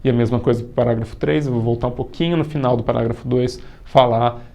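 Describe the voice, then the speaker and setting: A man's voice: medium pitch, steady tone, fast, creaky, mellow. A young man with a Brazilian Portuguese accent, teaching a video course and explaining step by step in a casual way. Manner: talks it through step by step, with restarts.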